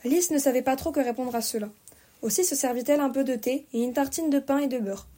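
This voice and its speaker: A woman narrating a storybook aloud at an even, clear reading pace. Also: sits high, quick pace. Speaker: audiobook reader.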